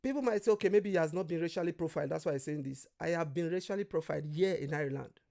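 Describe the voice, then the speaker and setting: A man speaks in a fairly high, heavily gravelly voice. He talks as a guest in a casual conversation. He tells stories with energy, acts out the people he quotes, and swears without holding back. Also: rapid-fire. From Nigeria. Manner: animated storyteller who acts out quoted voices and swears freely.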